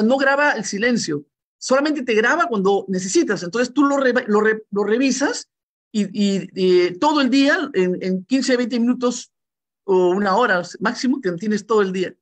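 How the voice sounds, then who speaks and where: A man's voice: high voice, normal speed. Middle-aged man hosting a video call chat. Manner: relaxed, rambling with fillers and restarts. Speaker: host. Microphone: laptop mic on video call.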